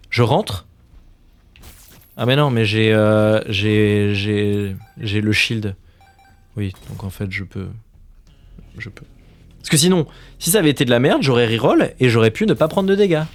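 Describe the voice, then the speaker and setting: A man in his thirties gives casual commentary while he streams a game. He grumbles and swears at it, and sometimes drops to a near-whisper under his breath. His voice sits at an ordinary middle pitch. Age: 30s. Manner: exasperated, swears a lot, drops to muttered whispers.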